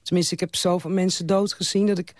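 A woman's voice: lowish voice, fairly even intonation, fast talker, a little mellow, dry recording, clean studio sound. A woman guest who used to work as an undertaker, talking frankly and reflectively in a casual interview, often restarting her sentences.

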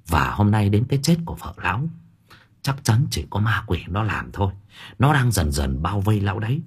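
A man's voice: fairly low pitch, breathy edge. A man narrating an audio novel in a colloquial, earthy, vivid way. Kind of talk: storytelling narration.

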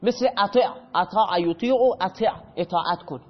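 A man teaching a grammar lesson in a classroom, explaining step by step and quizzing his students with questions. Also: high voice. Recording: dull audio with long hall reverb.

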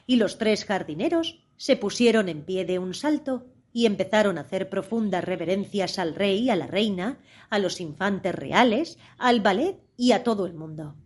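A woman narrating an audiobook of a storybook. She reads in a measured, expressive way at a middle pitch.

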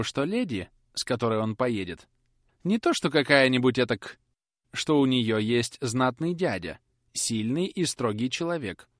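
A man's voice: no echo, clean studio sound, lightly acted. Man putting on a fussy timid spinster. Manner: hesitant, fawning, high-pitched.

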